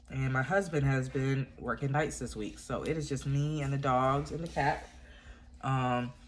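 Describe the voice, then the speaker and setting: A bass-voiced woman speaks with slight background noise, her voice stuffy from a cold. Indoors at home, the yarn crafting vlogger chats casually about crochet to her audience, rambling and full of fillers and restarts.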